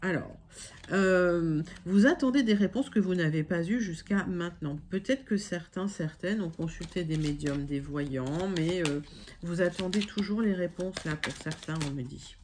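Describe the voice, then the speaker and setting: A woman's voice: on the low side, moderate pace, a little mellow, a little hiss or hum. A woman giving a casual online tarot reading. She talks straight to her viewers as friends, reassuring them, with frequent fillers and self-corrections. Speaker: tarot card reader.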